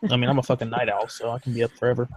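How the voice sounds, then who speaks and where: A man's voice: medium pitch, little pitch movement, rapid-fire, a crowd in the background. A young man in his twenties, a college football player, chatting in a laid-back way on a livestream. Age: 20s. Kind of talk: casual livestream chat.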